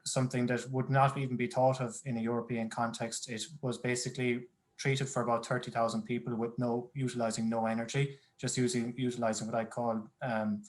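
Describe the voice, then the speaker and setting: A man moderating a conference panel over a video call, musing aloud and restarting his sentences as he frames a question. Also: mid-range voice. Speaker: panel moderator, project member.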